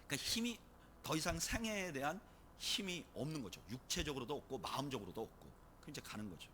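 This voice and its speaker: A man preaching a sermon, asking the congregation questions and answering them himself, building to loud emphatic peaks. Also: a little high, a little hiss or hum. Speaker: pastor.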